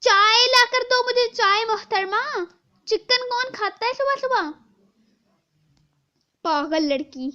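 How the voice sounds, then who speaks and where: A woman playing a loud scolding stepmother. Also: extremely high pitch, big pitch swings, slow, pauses often, lo-fi sound, voice pushed up, exaggerated voice. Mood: bossy. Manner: shouting, scolding.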